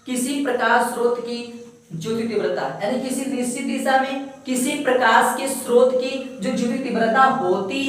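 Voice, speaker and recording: A male teacher giving a science lesson, repeating key terms and asking himself questions before answering them. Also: very high voice. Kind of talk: classroom-style science lecture. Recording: very echoey room, mic far away.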